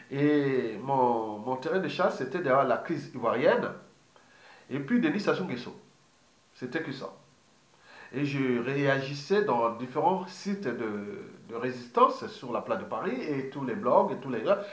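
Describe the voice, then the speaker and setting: A man's voice: fairly high pitch, fairly bright tone. Rambling man in his fifties, roomy echo. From Congo. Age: 50s. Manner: digressive, repeats words, many fillers and restarts. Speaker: political activist. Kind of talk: rambling political monologue.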